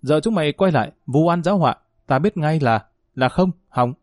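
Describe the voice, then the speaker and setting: A man voicing a sharp-tongued, quarrelsome older aunt in a spoken family drama. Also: medium pitch, animated, no room sound, clean studio sound, natural voice. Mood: scolding, furious. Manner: harsh, berating, rapid tirades.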